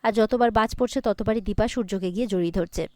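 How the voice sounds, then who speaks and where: A woman's voice: medium pitch, fast, a little mellow, no echo. A woman retelling a TV serial episode in a casual recap, relaying the characters' dialogue with small restarts.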